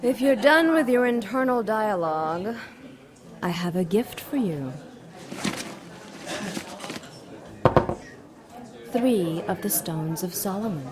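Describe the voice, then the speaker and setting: An actress playing Lilith, an ancient and cruel female demon, in an audio drama, speaking haughtily with slow mockery. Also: medium pitch, animated, a crowd in the background, lightly acted. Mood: commanding.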